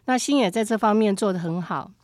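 A woman guest on a podcast, telling travel stories in a lively way and often agreeing with a quick string of "yes, yes, yes". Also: medium pitch, dry recording. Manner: lively storytelling, frequent "dui dui dui". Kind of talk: casual interview chat.

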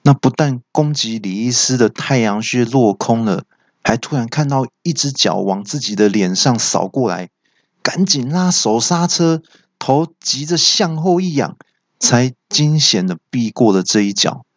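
A man, a podcast host telling a comic tale in lively martial-arts style. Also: medium pitch, unhurried, dry recording, highs cut off. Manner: lively, wuxia-style action narration. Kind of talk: comic storytelling.

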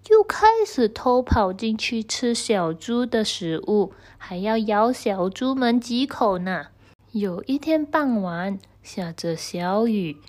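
A woman storyteller reading a story to children and gently speaking to them directly. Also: fairly high pitch.

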